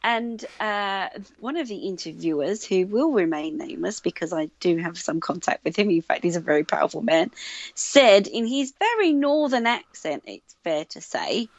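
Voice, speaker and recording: A woman with an Australian accent, a radio producer talking casually in an interview, animated and full of fillers and restarts. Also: medium pitch, normal speed, dry recording. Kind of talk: conversational interview. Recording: dull lo-fi sound, dry.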